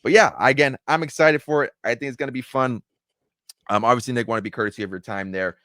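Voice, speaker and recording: Guy hosting a chill talk show, talks fast and kinda low, dry close sound. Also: fairly even intonation, bright, forceful tone, no room sound. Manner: fast, rambling, upbeat with fillers like "there". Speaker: podcast host. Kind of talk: casual chat.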